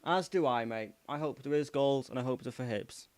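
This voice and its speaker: Fan streamer, mid-pitched, slightly croaky, calls play and rallies his team. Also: fairly even intonation, fairly quick, darkish tone. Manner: partisan, addresses chat as "mate" and "pal", urges his team on. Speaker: fan streamer doing a live watchalong. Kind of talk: casual live match commentary.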